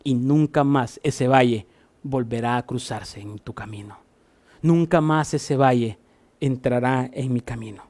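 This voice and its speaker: A pastor from Honduras with a Honduran Spanish accent, preaching a sermon. He repeats key phrases and moves between forceful rising passages and quiet, low asides. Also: measured pace. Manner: swings from loud emphatic repetition to soft low asides.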